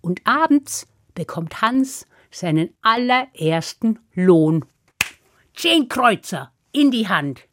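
A woman telling a fairy tale to children in a lively, playful way, acting out the characters with big swings in her voice. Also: fairly high pitch, takes it slowly, a little hiss or hum. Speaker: storyteller. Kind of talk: storytelling for children.

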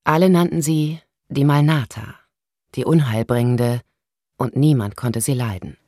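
Low-pitched woman narrating an audiobook. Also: steady tone, unhurried, warm tone, dry recording, clean studio sound. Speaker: actress reading an audiobook.

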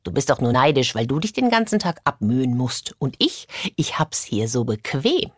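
A woman's voice: rumbling low, big pitch swings, normal speed, breathy edge, dry recording, clean studio sound, heavily acted. A sly whispering snake, as a woman puts her on. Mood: smug. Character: lazy smug female snake living in a belly.

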